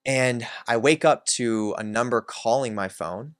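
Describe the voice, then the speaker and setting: A man's voice: mid-range voice, a little slow, fairly bright tone, no echo, studio quality. A man hosting his own channel, candidly telling a personal story in a reflective way, with many filler words. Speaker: self-help channel host.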